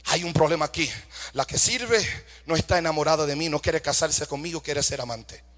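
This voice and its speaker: A man's voice: on the high side, moderate pace, a bit bright, long reverb tail. A man preaching a fervent sermon, asking rhetorical questions, calling for amens and mixing English phrases into his Spanish.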